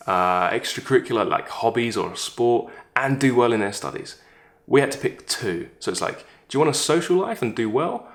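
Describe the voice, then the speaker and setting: A man with a slightly low voice and a softened Essex accent from England. He talks casually and with strong opinions, like someone chatting to an online audience. His manner is blunt and sweary. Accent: English, softened Essex. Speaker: vlogger, former Oxford student.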